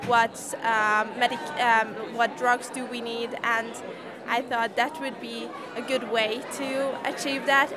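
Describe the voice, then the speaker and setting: With a crowd chattering in the background, a teenage girl from Hungary talks about her science project in a casual interview. Her voice is fairly high, and she stumbles through it hesitantly, full of fillers and restarts.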